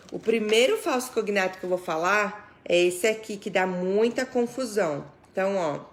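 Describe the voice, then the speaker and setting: Chatty Brazilian woman teaching English. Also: mid-range voice. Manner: chatty, laughs often, greets viewers by name. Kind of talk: live-streamed lesson. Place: home, live stream.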